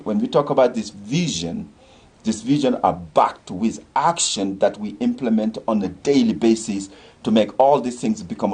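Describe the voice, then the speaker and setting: On a discussion show, an older man from Senegal who heads a community organization talks with earnest conviction, using repeated phrases to rouse his listeners. His mid-range voice is a little mellow and slightly rough.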